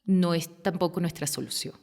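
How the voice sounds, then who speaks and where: A woman's voice: on the low side, moderate pace, creaky, a little mellow. A woman, speaking as a podcast guest in an earnest, reflective way, building long sentences as she thinks aloud. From Venezuela. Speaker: guest, women's rights activist. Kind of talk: podcast interview conversation. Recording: long hall-like reverb.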